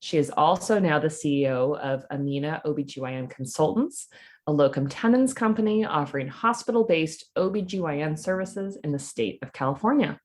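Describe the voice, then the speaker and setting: A woman hosts a podcast interview in a casual, friendly way. Her voice is low-pitched. She laughs easily and softens her questions with small hedges. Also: fairly quick. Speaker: podcast host and coach.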